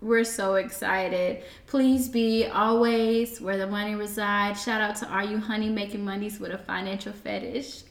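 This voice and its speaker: A woman co-hosting a casual podcast, talking playfully and laughing between drawn-out sign-offs. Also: medium pitch, steady tone, gravelly, echoey room. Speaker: podcast co-host.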